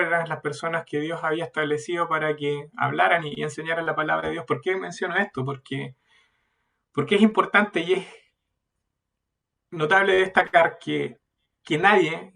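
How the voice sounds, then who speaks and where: A man preaching a sermon at a youth meeting, earnest and building to loud emphasis. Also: on the high side, vocal fry, distant mic.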